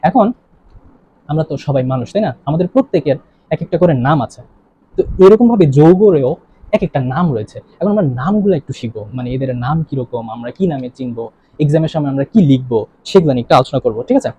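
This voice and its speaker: Young male tutor, quick and mellow, quizzes students constantly. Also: on the high side, expressive, breathy edge. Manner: asks the class questions and repeats answers. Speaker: chemistry teacher. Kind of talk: online lesson. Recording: dull lo-fi recording.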